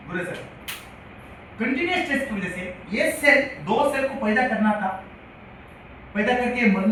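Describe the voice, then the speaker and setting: High-voiced man lecturing in an echoey hall. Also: fairly bright tone. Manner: repetitive, quizzes the audience. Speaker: health lecturer. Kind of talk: classroom-style lecture. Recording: echoey hall from far off, faint hiss.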